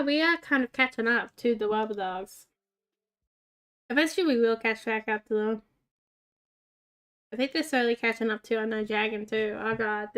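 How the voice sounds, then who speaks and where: Chatty woman with a high voice. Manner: chatty, talks fondly to the game's pets. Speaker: gaming channel host. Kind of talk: casual gameplay commentary.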